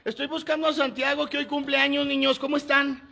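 Playful Mexican male vlogger, bright, sharp tone, teasing and loud. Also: extremely high pitch, flat delivery, brisk, creaky, no room sound. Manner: playful, teasing, calls out loudly. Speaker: vlogger delivering a birthday gift. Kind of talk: casual joking vlog chat. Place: outside and inside a primary school.

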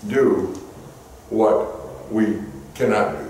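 A man's voice: on the low side, expressive, drawn-out words, darkish tone. A male pastor delivers a folksy, story-driven sermon, his voice leaping upward when he gets stirred. He sounds distant from the mic, in a church sanctuary with heavy echo and a faint hum of room noise.

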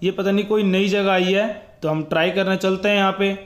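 A man's voice: high voice, fairly even intonation, fairly quick. A young man giving casual, chatty voice-over commentary on his gameplay as a gaming YouTuber, talking straight to his viewers. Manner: chatty, keeps saying "guys" and "bhai" to viewers.

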